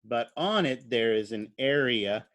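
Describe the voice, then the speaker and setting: A man's voice: mid-range voice, expressive, unhurried, fairly bright tone. Conversational male biology lecturer. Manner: conversational, questions the class, frequent fillers. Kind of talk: classroom lecture.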